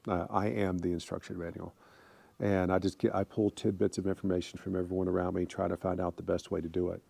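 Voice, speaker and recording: A man's voice: sits low, level tone, quick pace, vocal fry, warm tone, slightly rough, no echo. A man in his fifties from the United States, talking casually to camera in a rambling way with many fillers and restarts. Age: 50s. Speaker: vlogger.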